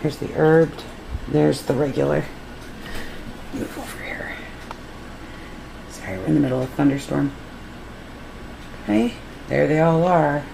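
A woman's voice: sits low, normal speed, gravelly, pauses often, mellow. Chatty woman in a noisy kitchen. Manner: chatty, instructive, addresses viewers as guys. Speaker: home canning vlogger. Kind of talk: casual how-to vlog. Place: home kitchen with electric glass-top stove. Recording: noisy kitchen with hissing steam. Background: steam and cooking sounds from a pressure canner.

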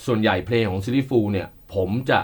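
A man's voice: lowish voice, normal speed, slightly rough. A man and drummer talking casually to viewers about how he recorded a song, loose and chatty, swearing freely and sounding out drum patterns with his mouth.

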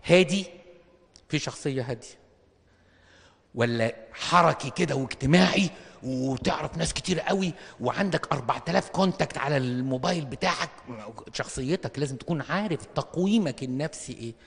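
A man with an Egyptian accent preaching a lively sermon, acting out little scenes and firing rhetorical questions at his listeners. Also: medium pitch. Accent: Egyptian Arabic. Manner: animated, acts out little dialogues, rhetorical questions. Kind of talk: comic sermon to an audience. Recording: long reverb of a hall.

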